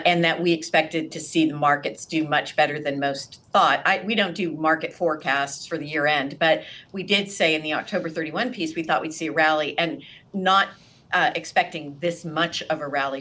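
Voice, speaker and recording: A woman's voice: sits low, fairly bright tone. A woman, an investment guest on a video call, giving conversational analysis. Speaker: investment chief interviewed as guest.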